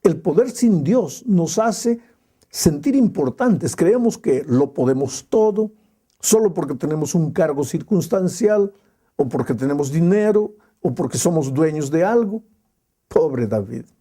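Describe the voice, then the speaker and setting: A male pastor preaching a sermon in a slow, emphatic way with dramatic pauses. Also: on the high side, expressive, mellow, slightly rough.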